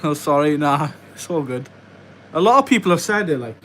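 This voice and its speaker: This young adult from West Wales has a highish, animated voice, talks fairly quickly, and sounds fairly bright, with a little hiss or hum in the audio. He's livestreaming from an indoor workbench while building a model farm, chatting, reading out viewer questions and muttering as he goes.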